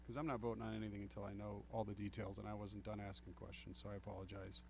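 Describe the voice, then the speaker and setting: A man's voice: on the low side, flat delivery, quick pace, creaky, a little mellow, slight background noise. A man on a planning commission, talking earnestly at a public meeting, apologizing and thinking aloud with restarts into a table microphone he sometimes drifts away from. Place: council meeting room. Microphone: table microphone, sometimes off-axis.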